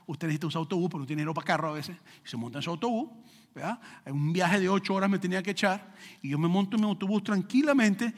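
A man's voice: high-pitched, big-room sound. A man, a pastor preaching a sermon, telling a story and building to fervent emphasis.

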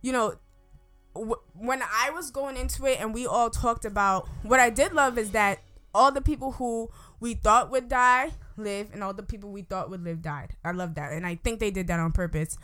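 A woman's voice: a little high, moderate pace, a bit bright, soft background music. Woman talking with braces, casual review. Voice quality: slight speech impediment from braces and rubber bands, slurred on some words. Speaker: movie reviewer. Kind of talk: casual unscripted film review chat.

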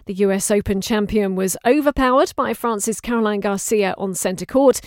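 A woman presenting a local news podcast, reading the bulletin in a brisk, bright manner. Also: mid-range voice, no room sound, clean studio sound.

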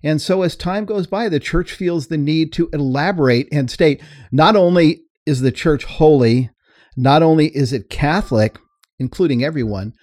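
In a dry, clean studio recording, a middle-aged co-host and teacher leads an explanatory discussion on a talk show, laughing readily while he explains earnestly. He speaks at a moderate pace with a fairly high pitch and a darkish tone.

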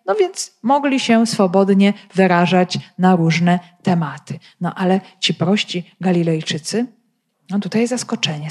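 A female Bible teacher with a mid-range, darkish voice gives a spoken commentary on scripture. She explains the text, poses many rhetorical questions, and speaks directly to her listeners.

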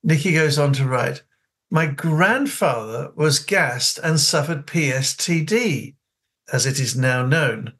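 An older New Zealand man with an elocution-trained English accent hosts a radio talk show, reading letters from listeners. His voice is on the high side and fairly bright, and he takes his time, chatting away and often laughing at himself.

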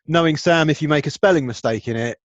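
Guy co-hosting, higher voice, casual banter, dry and a bit muffled. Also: fast, dry recording. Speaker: podcast co-host.

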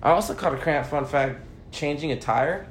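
A man's voice: fairly high pitch, moderate pace. A young man co-hosting a casual chat, laid-back and slangy, filling his talk with "like". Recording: echoey room with faint noise.

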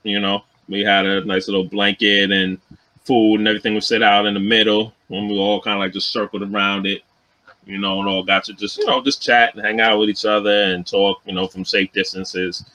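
A man co-hosting a podcast, telling a story in a relaxed way, full of "you know" and "um". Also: lowish voice, fairly quick, no room sound, low-quality recording. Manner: laughs often and loudly. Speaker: podcast co-host. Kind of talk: casual chat.

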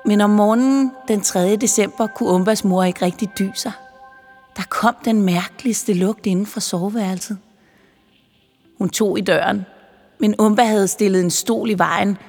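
A woman narrating a children's Christmas story with lively, playful storytelling. Her voice sits in an ordinary mid range. The reading rings with a long reverb over soft background music. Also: medium pitch.

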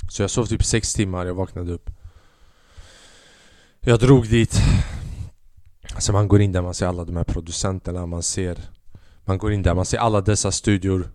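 A young man with a fairly low voice hosts his own podcast and rambles through a story in a self-mocking way. He slips into a higher voice when he quotes people. The sound is dry and close to the mic. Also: steady tone, darkish tone, no echo. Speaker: podcast host. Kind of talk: casual storytelling monologue.

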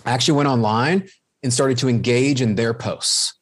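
A man's voice: medium pitch, moderate pace. Male podcast guest, assured coaching tone, casual, acts out little quotes. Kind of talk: casual interview chat.

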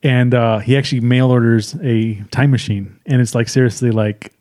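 A man's voice: medium pitch, fairly even intonation, moderate pace, warm tone. A man co-hosting a movie review podcast, casually retelling scenes in a rambling way with lots of fillers. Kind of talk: casual chat.

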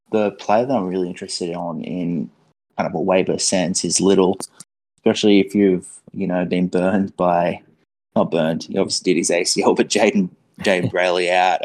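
A man's voice: deep voice, a little mellow. A man co-hosting a podcast in casual, laid-back, matey sports chat. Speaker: podcast co-host.

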